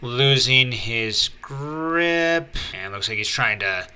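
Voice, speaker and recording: Male manga commentator with a bright, forceful tone; slow, chatty page-by-page read-through. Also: medium pitch, clean tone. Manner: chatty, with many fillers and excited asides. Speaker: manga reviewer and channel host.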